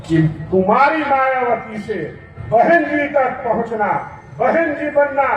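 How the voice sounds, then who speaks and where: A man's voice: very high voice, distant mic, slight background noise. A man giving a rousing political speech at an outdoor rally, with a Uttar Pradesh Hindi accent, talking through a PA system with rhetorical questions to the crowd. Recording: echoey PA sound from afar, faint ambience.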